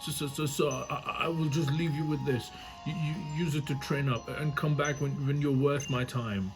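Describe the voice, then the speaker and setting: A man's voice: a little high, steady tone, moderate pace, music in the background, pitched above the performer's own voice, close to an everyday voice. A man voicing a swaggering young gang thug from a video game, stammering and picking a fight. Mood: dismissive.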